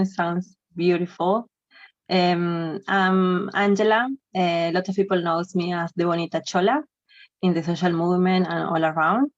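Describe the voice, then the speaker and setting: Lowish-voiced woman from Bolivia on a dry, muffled call. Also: no room sound. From Bolivia, raised in Argentina. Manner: warm, grateful, rushed restarts. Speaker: panelist, climate activist. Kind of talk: casual introduction on a panel. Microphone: video call.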